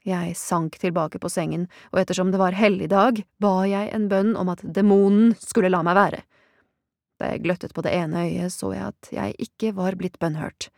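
A woman narrating an audiobook in the first person with a wry, deadpan delivery. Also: on the low side, gravelly, dry recording, studio quality.

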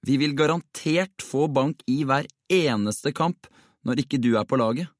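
A man's voice: mid-range voice, dry recording, clean studio sound, voice pushed up, lightly acted. A man voicing a worried boy teammate in a storybook reading.

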